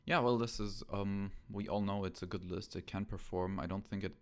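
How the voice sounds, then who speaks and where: A man with a low, gravelly voice talks casually about a tabletop game, full of ums and hesitations as he thinks aloud. His deep tone is rough with fry, and the home recording is rough. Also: steady tone, normal speed. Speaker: podcast co-host.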